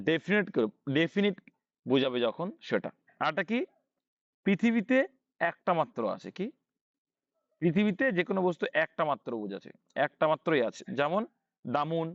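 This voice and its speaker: A man's voice: fairly high pitch, no echo. Male tutor, raised voice, asks and answers himself, dry dull recording. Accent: Bangladeshi Bengali. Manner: asks and answers his own questions, repeats key points. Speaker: English teacher. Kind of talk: online English grammar lesson.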